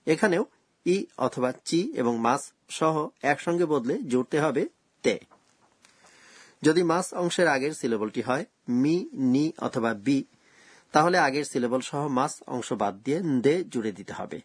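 A man presenting a scripted radio language lesson, explaining grammar rules slowly and carefully. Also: fairly high pitch, animated, breathy edge, dry recording.

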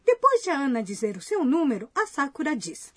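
A woman with a high, very lively voice asks questions in a language lesson, with a bright and curious manner. Her pitch rises and falls a lot, and the sound is dry and close. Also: brisk, dry recording. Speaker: co-host asking questions. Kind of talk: scripted lesson dialogue.

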